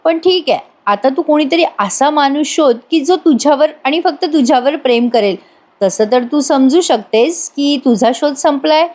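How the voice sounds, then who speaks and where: Woman putting on an eager young suitor, fumbling, hesitant, high-pitched. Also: lively intonation, normal speed, darkish tone. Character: eager young man proposing marriage.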